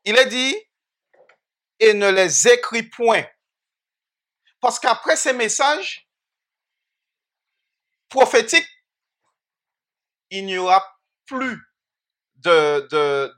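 Preacher leading a Bible study: unhurried delivery, bright and tense tone, quizzes the room, restarts phrases often. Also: mid-range voice. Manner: asks the audience questions and repeats phrases, with frequent restarts. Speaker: Bible teacher. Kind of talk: interactive Bible study sermon.

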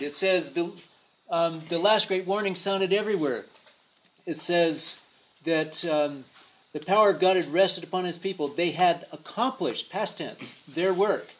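A man preaching a sermon in short phrases, pausing so an interpreter can translate each line. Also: high voice, fairly bright tone, low-quality recording.

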